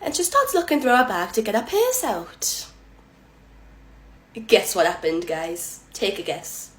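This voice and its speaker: A woman, a shop cashier, telling a storytime monologue in an animated, sarcastic way, swinging between loud bursts and low asides. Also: a little slow.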